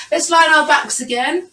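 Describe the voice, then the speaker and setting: On a video call from her home, a woman instructs a live Pilates class, encouraging everyone and counting reps aloud. Her voice is high with a sharp edge. The recording sounds roomy and distant.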